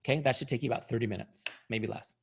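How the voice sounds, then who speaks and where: A middle-aged company founder and trainer delivers an upbeat, coaching sales training talk, frequently asking "right?" His mid-range voice is rapid-fire, creaky and husky, and he is starting to lose it.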